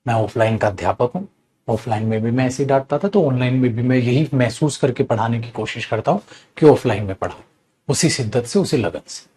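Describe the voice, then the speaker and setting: A man's voice: mid-range voice, lively intonation, brisk, warm tone. A middle-aged male teacher in his own studio, scolding and lecturing students earnestly while teaching an online grammar class.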